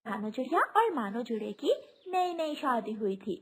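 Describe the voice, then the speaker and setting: Expressive woman narrating a cartoon. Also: on the high side, normal speed, slightly rough. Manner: expressive, melodramatic. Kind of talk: scripted storybook narration.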